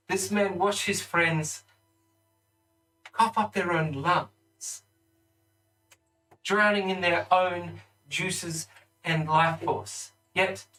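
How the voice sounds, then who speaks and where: A man's voice: high-pitched, sharp tone, recorded from a distance, pitched above the performer's own voice, full character voice, poor audio. A man playing a confident lord prosecuting in court in a tabletop game, formal and declamatory, grandly accusing. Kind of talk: tabletop role-play.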